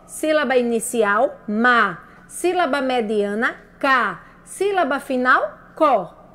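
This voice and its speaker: A woman teacher with a high, bright pitch walks young children through syllables at an unhurried pace. She sounds out each word piece by piece and checks in with a rising question. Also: expressive. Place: broadcast lesson for radio and video.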